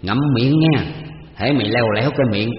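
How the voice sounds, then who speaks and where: A man's voice: mid-range voice, moderate pace, echoey room, big-room sound, lo-fi sound, natural voice. A man reading a story aloud, voicing an anxious, doting older father who bosses his servant around. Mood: ordering. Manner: bossy toward servant, fussing.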